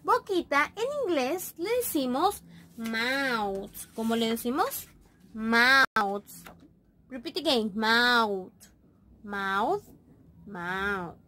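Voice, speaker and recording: Slow, coaxing woman teaching small children. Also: fairly high pitch, animated, bright, forceful tone, a little hiss or hum. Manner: slow, coaxing, drawn-out repetition of words. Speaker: preschool teacher.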